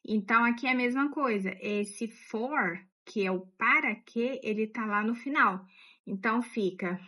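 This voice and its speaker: A Brazilian woman teaching English pronunciation in a casual, chatty way, explaining step by step and saying example words slowly. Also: fairly high pitch, bright, forceful tone.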